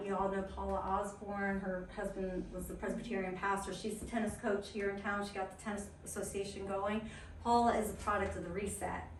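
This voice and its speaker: A woman's voice: mid-range voice, a little hiss or hum. A woman wellness coach giving an upbeat, chatty talk to a small group at an indoor event. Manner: chatty, upbeat, quick asides. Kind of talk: lively storytelling presentation. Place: indoor event room at a chiropractic office. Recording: echoey room from a distance, faint ambience.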